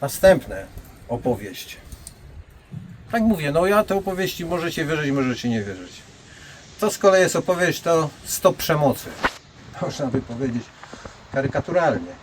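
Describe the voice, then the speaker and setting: A man's voice: a little high, big pitch swings, moderate pace, pauses often, a little hiss or hum. An older man, a martial arts master, telling blunt anecdotes and speaking directly to his listeners. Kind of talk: storytelling monologue.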